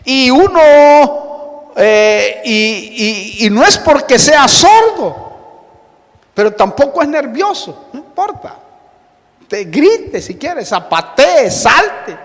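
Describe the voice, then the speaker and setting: A man preaching a sermon with emphasis, often calling out directly to the listener and swinging between soft asides and loud cries. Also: very high voice, very animated, takes it slowly, in a large hall. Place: church hall.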